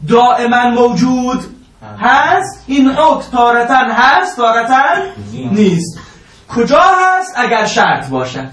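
High-pitched guy teaching a seminary class, drawn-out emphatic phrases, roomy echo, a bit far from the mic. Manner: lively lecturing, drawn-out emphatic Arabic phrases, joking asides. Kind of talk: informal religious law lesson.

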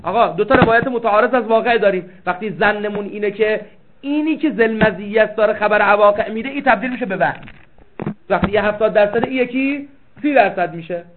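A man gives a seminary lecture in a high voice, reading Arabic passages aloud and breaking them down with his own questions. He repeats key phrases to drive a point home. The recording is thin and phone-like. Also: noisy background. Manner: explains with rhetorical questions and reads out Arabic text. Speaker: seminary teacher. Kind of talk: classroom lecture.

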